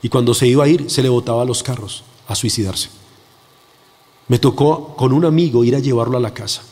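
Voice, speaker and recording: A man's voice: medium pitch, fairly quick, a little mellow. A male preacher giving an earnest, emphatic sermon with personal testimony, acting out the quoted voices, in a church. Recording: long echo of a large hall.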